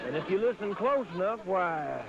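High-pitched old gold prospector. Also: male voice, lively intonation, normal speed, gravelly, a crowd in the background. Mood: wistful, folksy. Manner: old prospector talk, folksy, rambling. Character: grizzled old male gold prospector, folksy and cantankerous. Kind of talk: mock documentary comedy sketch. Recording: muffled old VHS tape, music behind.

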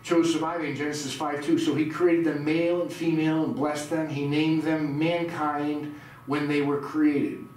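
There's a darkish quality to this middle-aged pastor's slightly high voice, which barely moves in pitch and runs at normal speed. He preaches in a small church room, reading scripture and quizzing the audience, captured from afar amid heavy echo and noise.

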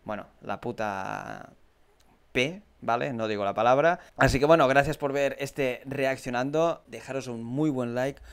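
A young man with a Spanish accent from Spain, giving an excitable, swearing live reaction to a football penalty shootout. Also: medium pitch, measured pace, creaky, clean tone.

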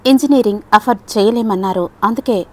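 A woman voicing a gentle, shy young woman student in an audiobook story, speaking softly and hesitantly. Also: fairly high pitch, fairly quick, lightly acted. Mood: timid. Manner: soft, hesitant, quietly reproachful.

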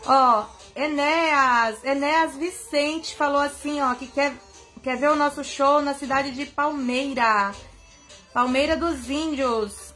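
Speaking slowly in a high voice, a young adult woman from Bahia, Brazil, chats with her live-stream audience as its singer host. She sits on her bed in her bedroom, warmly naming viewers, and the phone camera at arm's length also picks up soft music.

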